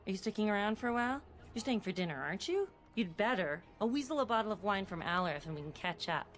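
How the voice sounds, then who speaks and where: Woman acting young female elf, video game character, mid-pitched voice, teasing, affectionate, playfully bossy. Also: expressive, fast, lightly acted. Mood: fond teasing.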